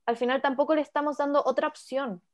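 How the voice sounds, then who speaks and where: Woman, high voice, dog trainer, thinking aloud in discussion. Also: steady tone, quick pace. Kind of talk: podcast discussion.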